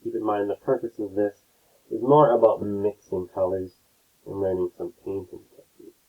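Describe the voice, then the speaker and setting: A man teaching a painting lesson step by step, his audio a low-quality, tinny stream as he keeps checking in with his students. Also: normal speed. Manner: relaxed, explains step by step, keeps checking in with "right?". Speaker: art teacher. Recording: tinny lo-fi phone-like sound.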